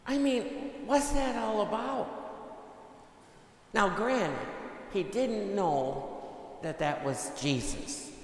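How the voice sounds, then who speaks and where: Slow-talking priest in an echoing church. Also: male voice, high-pitched. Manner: conversational storytelling, many "you know" fillers. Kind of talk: homily. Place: large church. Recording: echoey church with long reverb.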